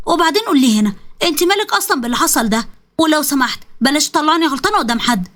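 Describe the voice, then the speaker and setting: A woman's voice: sits high, animated, racing, a bit bright. A woman with an Egyptian accent voicing an outspoken young wife who lectures bluntly. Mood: lecturing. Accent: Egyptian Arabic. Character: outspoken young wife, protective of her sister.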